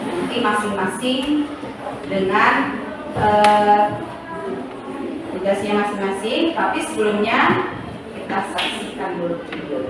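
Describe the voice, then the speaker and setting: A woman's voice: mid-range voice, expressive, measured pace, pauses often. A woman teaching an English class, mixing two languages with many fillers and restarts. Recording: echoey classroom from far off, noisy.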